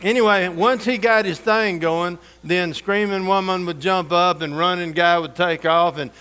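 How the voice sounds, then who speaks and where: A man's voice: high-pitched, steady tone, moderate pace, clean tone. Folksy preacher man telling stories. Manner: folksy, humorous, drops to soft intense tone for scripture. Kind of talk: storytelling sermon.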